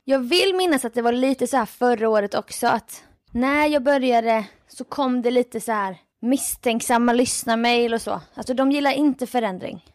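A woman who hosts night radio, chatting on a podcast and telling lively stories about her listeners with frequent laughs. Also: on the high side, dry recording, clean studio sound. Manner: animated storyteller, reads listener mails aloud, laughs often. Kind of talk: casual podcast chat. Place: home with building work going on.

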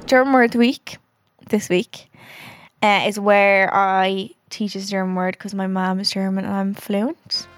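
A woman's voice: mid-range voice, fairly even intonation, unhurried, no room sound, soft background music. Dublin woman chatting in a very dry recording. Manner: frank, sweary. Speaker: podcast co-host. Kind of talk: casual chat.

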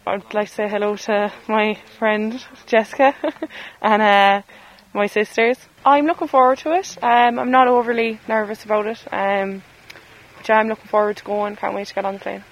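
An Irish woman serving as an army corporal gives informal interview answers. Her voice is mid-pitched, recorded in the field with faint ambient noise. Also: steady tone, normal speed, poor audio. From Galway, Ireland.

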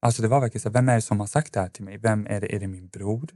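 A man's voice: fairly low pitch, steady tone, warm tone, no room sound, studio quality. A man, a podcast guest, telling a personal story in a casual, rambling way with lots of fillers and restarts.

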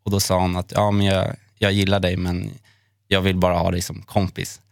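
A man hosting a podcast, telling a personal memory in an earnest, halting way with many fillers. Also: low-pitched, monotone, creaky, no echo, studio quality. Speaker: podcast host. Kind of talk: personal storytelling in a chat.

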